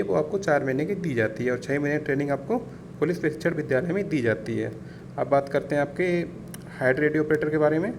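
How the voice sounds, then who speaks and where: Speaking on the high side with a slightly mellow tone, an instructor walks students through an informal exam-prep explainer. Repetition is frequent, listeners are treated as friends, and English words are mixed in. Background noise is plainly heard.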